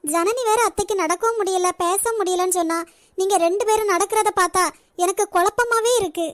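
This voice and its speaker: A woman voicing a meek college girl, soft-spoken. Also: extremely high pitch, brisk, no echo, studio quality. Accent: Nagercoil Tamil. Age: young adult. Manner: soft, apologetic, pleading. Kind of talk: cartoon voice acting.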